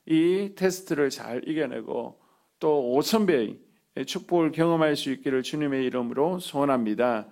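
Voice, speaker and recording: A man preaching a sermon as a pastor, earnest, with many drawn-out "ah" fillers between phrases. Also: fairly high pitch, a little mellow.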